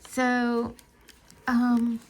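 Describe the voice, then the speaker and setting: A married adult woman, a crafting vlogger, chats casually in her home living room. Her fairly high voice is monotone and extremely slow, and she rambles warmly with lots of fillers.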